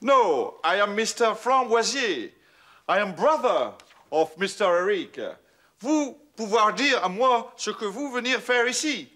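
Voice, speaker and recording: A smarmy show-off. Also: male voice, high voice, animated, normal speed, bright, forceful tone, husky, heavily acted. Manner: mixes English into broken French, smarmy. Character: boastful man showing off poor English. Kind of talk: sitcom acting.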